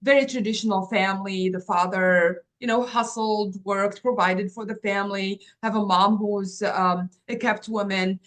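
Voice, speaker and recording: In a steady, mid-range voice that's a bit bright, this woman speaks at a moderate pace with few pauses. She's an agency founder from Morocco in her 50s, a guest recounting her life story earnestly and thoughtfully, peppered with "um" and "like."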